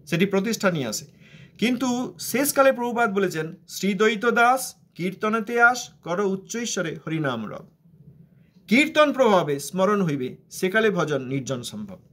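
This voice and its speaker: A man's voice: high voice, a bit bright. A man with a Bengali accent giving a devotional discourse, explaining scripture and asking rhetorical questions. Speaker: religious teacher.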